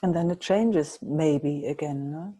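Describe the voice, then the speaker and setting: A woman hosts a gentle online meeting, talking very slowly in a low, mellow voice. She sounds soft and reassuring. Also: slightly rough. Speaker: meeting host and facilitator. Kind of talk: gentle guided group meeting. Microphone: video call.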